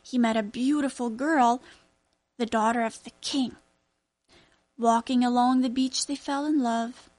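A woman voicing a strong, kind old grandfather who tells his grandson stories, in a warm, steady storytelling manner. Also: on the high side, a little slow, long pauses, natural voice.

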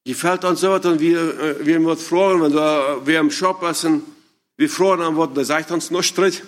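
A man gives an informal talk to parents in a slightly raised voice that sits on the high side with a steady tone. He speaks haltingly, often restarting and searching for words. He keeps turning to his listeners with questions.

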